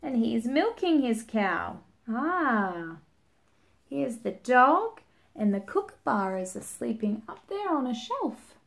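A young woman reading and singing a picture book for young children, animated and sing-song, making animal noises and asking the child to join in, filmed up close in a small room. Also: on the high side, slow pace, creaky. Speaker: children's storytime reader. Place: small indoor room, seated at home.

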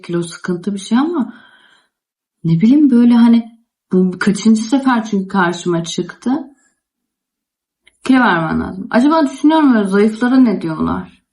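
A young woman vlogger, casually telling a story to the camera in an animated, indignant way, acting out both sides of the conversation. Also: fairly high pitch. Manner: animated, indignant retelling with many quoted asides. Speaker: home cooking vlogger.

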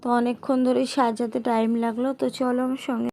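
A woman's voice: fairly high pitch, level tone, fast talker, gravelly. A middle-aged woman chatting casually to viewers as she narrates a family home vlog, rambling and addressing them directly. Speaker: vlogger.

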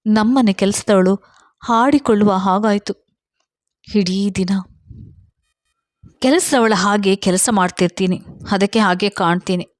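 A woman's voice: mid-range voice, measured pace, pauses often, no echo, close to an everyday voice. A woman reading a storybook voices a self-pitying young housewife who talks in a crying, complaining tone. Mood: tearful.

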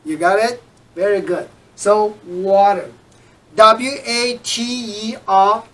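A teacher giving a recorded language lesson, patiently repeating words and example sentences slowly. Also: mid-range voice, steady tone, a bit bright, far from the mic, rough recording. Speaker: English teacher.

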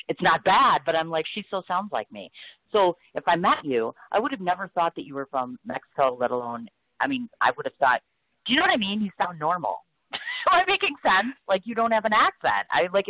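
Male radio host, self-deprecating and chatty, lively pitch, dry phone sound. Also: dry recording, phone-quality sound. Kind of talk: casual interview chat.

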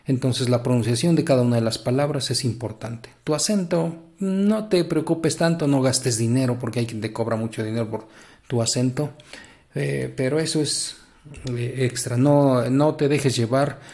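A man's voice: mid-range voice, normal speed, a little mellow. A man with a Mexican Spanish accent gives a casual English grammar lesson, chatty and encouraging, with many fillers. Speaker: English teacher.

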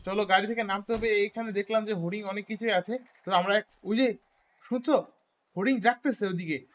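A man giving casual gameplay commentary, chatting to his viewers and repeating words when excited. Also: sits high, brisk. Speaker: gaming YouTuber.

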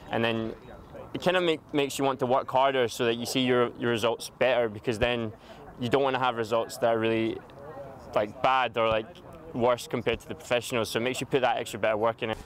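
A young man talking quickly at a middle pitch in an outdoor interview. His speech is casual and informal, like a player chatting after training. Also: flat delivery. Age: young adult. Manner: informal, frequent "like". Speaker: amateur footballer.

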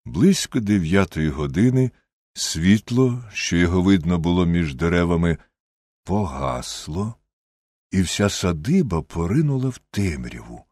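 Male audiobook narrator, low, husky, steady delivery, dry close mic. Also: unhurried, no echo. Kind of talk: scripted narration.

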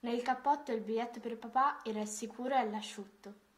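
A woman reading a children's Christmas story aloud, in a gentle, expressive way. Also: a little high, fairly quick.

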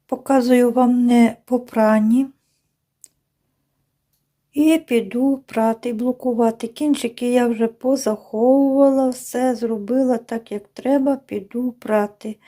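A woman vlogging about her knitting at home, chatting to viewers in an unhurried way with many fillers and restarts. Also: a little high, fairly even intonation, warm tone. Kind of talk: casual chat to viewers. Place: home, indoors by a window.

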